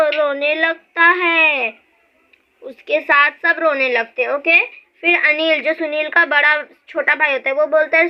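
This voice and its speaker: A young woman teacher who reads lines from a story aloud and then explains them in simple words. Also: high voice. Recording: dull lo-fi sound.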